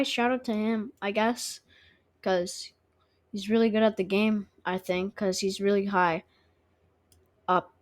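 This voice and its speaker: A woman with a fairly high voice gives casual let's-play commentary at an unhurried pace. She talks straight to her viewers as she plays, asking them to subscribe. She records on her own microphone. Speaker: gaming channel host.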